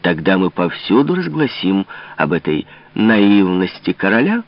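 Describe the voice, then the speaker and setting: A man reading an audiobook, voicing a cold, mocking king in a low, measured tone. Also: wildly swooping pitch, no room sound, full character voice. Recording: dull lo-fi recording.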